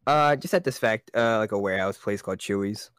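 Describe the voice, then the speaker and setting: A man's voice: fairly low pitch, fairly quick, fairly bright tone, clean tone, dry recording, studio quality. A young man co-hosting a casual podcast chat, telling rambling stories with lots of swearing and laughter. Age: young adult. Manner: rambling storyteller, swears a lot, laughs often. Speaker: podcast co-host.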